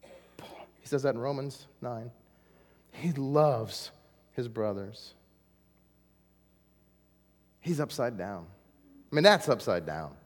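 A man preaching a sermon in a dramatic way, dropping to a hush and then rising to emphatic points. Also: mid-range voice, animated, takes it slowly, pauses often, in a large hall. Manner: dramatic, swings from hushed to emphatic. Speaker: pastor.

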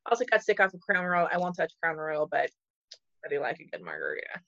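A woman's voice: sits low, wildly swooping pitch, quick pace, creaky, fairly bright tone, no room sound, lo-fi sound. A woman comedian chatting playfully on a podcast and laughing often. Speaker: comedian guest. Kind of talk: casual podcast chat.

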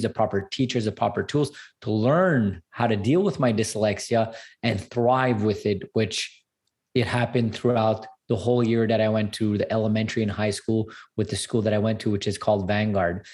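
A man's voice: fairly low pitch, steady tone, a little fast, darkish tone. A man from Canada telling his life story as a guest in a casual interview, earnest and upbeat, repeating words for emphasis. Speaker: guest entrepreneur and speaker.

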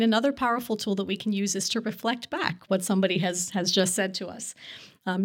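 A woman physician co-hosting a podcast, explaining communication tools in a calm, measured teaching manner. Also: mid-range voice. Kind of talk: casual conversational teaching.

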